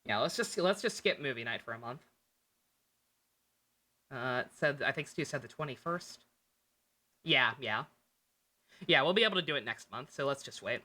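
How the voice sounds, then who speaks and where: Worn out and short on sleep, a game livestreamer chats casually with viewers, rambling, thinking aloud and swearing a lot. The voice sits at medium pitch, animated and bright with a forceful edge, moving at normal speed with frequent pauses.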